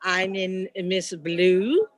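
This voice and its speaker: A woman from New Orleans, an actress, introducing herself in an unhurried way over a video call. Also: on the low side, no room sound. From New Orleans, Louisiana. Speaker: nominated actress. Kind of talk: self-introduction.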